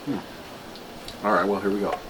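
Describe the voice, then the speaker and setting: A man's voice: lowish voice, steady tone, normal speed. A man giving a casual taste-test review as host, rambling and thinking aloud. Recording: clearly noisy room ambience.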